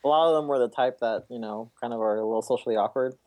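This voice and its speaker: A man's voice: medium pitch, racing, dark tone, no room sound. A man guesting on a casual podcast, talking hesitantly with stammers and fillers. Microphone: computer mic over voice chat.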